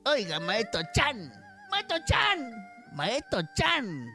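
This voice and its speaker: A man voicing a small, squeaky joke character who lisps his r's. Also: wildly swooping pitch, slow pace, creaky, heavily acted. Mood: whiny, questioning. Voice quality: l-for-r lisp. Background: music.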